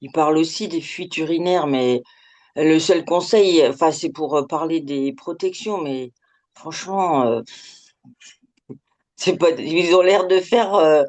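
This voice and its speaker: A middle-aged woman speaks candidly as an anonymous interviewee, her voice artificially lowered by a pitch shift. She talks informally and hesitantly, letting sentences trail off into filler words. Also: measured pace, a little mellow. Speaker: interviewee giving an anonymous testimonial.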